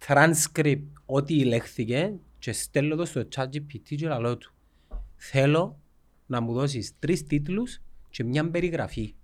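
A man with a Cypriot Greek accent co-hosting a casual podcast chat, animated and teasing, laughing often. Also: mid-range voice. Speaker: podcast co-host.

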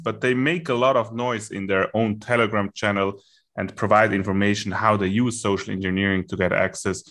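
Lowish-voiced German-accented man. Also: a bit bright. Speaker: podcast guest. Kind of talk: casual podcast chat.

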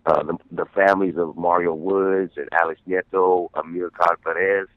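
Deep-voiced man on a tinny phone line. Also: level tone, moderate pace, no room sound. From San Francisco, USA. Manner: earnest, repeats words while thinking. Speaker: guest artist. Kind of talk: casual radio interview.

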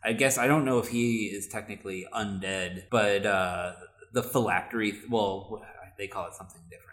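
A man's voice: fairly low pitch, moderate pace, fairly bright tone, reverberant. A man co-hosting a podcast in casual chat. He rambles and hesitates, restarting his sentences often. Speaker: podcast co-host.

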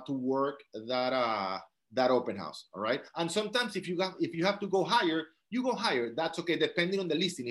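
A man from South Dakota leading a real estate team meeting over a video call, encouraging and checking in with "all right?" often. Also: on the high side. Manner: encouraging, repeats phrases, frequent "all right?" check-ins.

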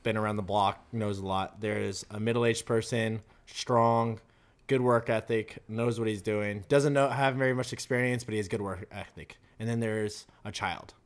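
A man's voice: lowish voice, fairly even intonation, normal speed. A young man chatting at a table at home, thoughtfully posing questions and musing aloud. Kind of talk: casual chat. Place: table in a shared house.

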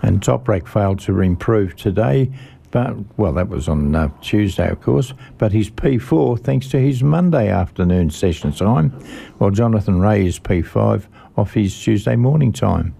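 An Australian man hosting a radio motorsport show, reading out race news in a halting way and repeating the odd word. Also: on the low side, lively intonation, vocal fry, dark tone, husky. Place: radio studio.

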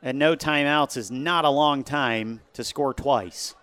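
A man doing live football play-by-play, calling each play briskly as it happens. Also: medium pitch, a bit bright, clear, resonant tone. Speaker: play-by-play announcer.

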